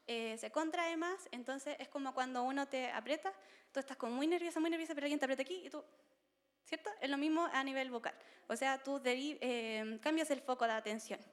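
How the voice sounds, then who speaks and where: A woman's voice: sits high, long reverb tail. A woman giving a conversational seminar talk to parents, often checking in with her listeners. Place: seminar room.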